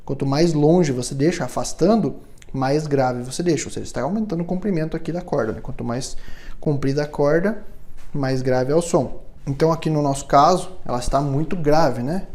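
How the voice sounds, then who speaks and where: A man walks through a guitar setup in a patient, explanatory way and keeps checking that the viewer follows. His voice sits a little high for a man, with a mellow, soft tone. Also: fairly quick. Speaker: guitar luthier instructor. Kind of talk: step-by-step instrument setup tutorial.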